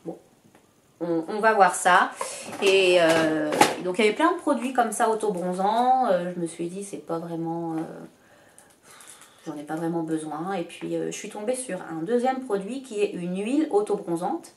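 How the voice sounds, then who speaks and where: A woman's voice: on the low side, moderate pace. A woman from France chatting casually about her shopping haul, with many hesitations and self-mocking asides. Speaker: beauty vlogger. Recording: echoey room.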